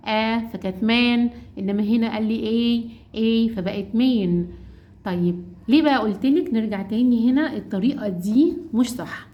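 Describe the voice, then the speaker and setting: Egyptian woman teaching phonics, fast and high. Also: lo-fi sound. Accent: Egyptian Arabic. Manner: asks and answers her own questions, checks with "okay?"; drawn-out sounding of vowels. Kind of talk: explaining a phonics lesson to mothers.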